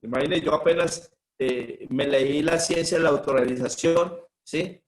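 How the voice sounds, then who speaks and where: A man's voice: on the high side, normal speed, low-quality recording. A middle-aged man, a spiritual teacher telling personal stories in a conversational way, often checking in with a questioning "sí". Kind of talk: personal storytelling talk.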